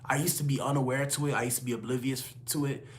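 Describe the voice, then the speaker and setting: A young man in his late twenties talks casually on a live stream, rattling off shout-outs to his viewers. His delivery is loose and slangy, in a middle-pitched voice with a faint hiss of noise behind him. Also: fairly even intonation, fast. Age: 20s. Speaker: livestream host reading chat.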